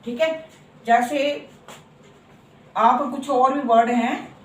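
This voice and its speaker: A woman teaching a grammar lesson. She repeats words slowly and keeps checking that her students follow. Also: high-pitched, fairly even intonation. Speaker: English teacher. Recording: echoey room from far off.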